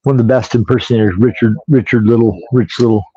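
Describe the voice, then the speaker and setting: A man's voice: medium pitch, fairly even intonation, fast, warm tone. A man chatting on a live podcast, easygoing and rambling, fond of jokes and impressions. His mid-range voice comes through slightly dull. A faint hiss sits behind him. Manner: rambling, jokey, does impressions. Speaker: podcast co-host. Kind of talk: casual live-stream chat.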